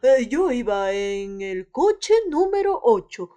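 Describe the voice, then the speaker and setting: Mujer haciendo de caballero inglés cortés y vacilante. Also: female voice, on the high side, very animated, warm tone, faint music behind. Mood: polite puzzlement. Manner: formal, hesitant, with pauses. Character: Mr. Martin, a polite hesitant English gentleman. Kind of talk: radio theatre acting.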